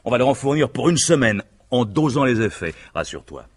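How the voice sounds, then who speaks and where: Eager and boastful, a male performer voices the scheming, self-assured husband of a classic French radio mystery. His husky speeches are emphatic and persuasive, pitched at medium height, very animated and fairly quick.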